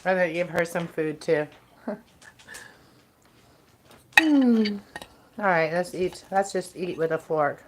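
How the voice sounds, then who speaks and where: Low-voiced woman chatting through a mukbang meal. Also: a little hiss or hum. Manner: eating while talking to viewers, unhurried stop-and-start remarks. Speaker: mukbang livestream host. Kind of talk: casual mukbang eating chat.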